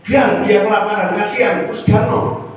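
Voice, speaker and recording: A stingy, cold-hearted husband, as a preacher plays him, curt and dismissive, his voice pitched fairly high. It carries with heavy reverb through a hall, recorded from afar on a dull mic. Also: moderate pace, far from the mic, lightly acted.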